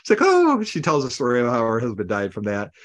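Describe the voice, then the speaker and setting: A man co-hosting a podcast, retelling old comedy sketches in an animated way and acting out lines with gasps and laughs. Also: medium pitch, quick pace. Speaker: podcast co-host. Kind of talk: casual chat recapping old comedy sketches.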